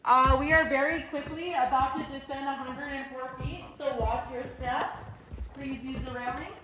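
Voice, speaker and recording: A woman's voice: high-pitched, steady tone, normal speed. A woman leading a cave tour in a casual, chatty way, her voice echoing off the cave walls. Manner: casual, chatty, gives safety reminders. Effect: cave echo. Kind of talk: guided tour talk. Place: inside a large cave. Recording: echoey cave voice from a distance, faint noise.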